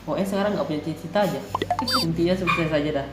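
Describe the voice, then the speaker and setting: A man in his twenties from Indonesia, hosting a relaxed reaction video chat. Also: on the high side, rapid-fire, reverberant, very noisy. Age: 20s. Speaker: channel host.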